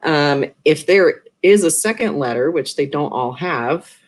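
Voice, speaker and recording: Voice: medium pitch, lively intonation, a little slow. Casual chemistry teacher recording a video lesson. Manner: casual, with offhand joking asides. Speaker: high school chemistry teacher.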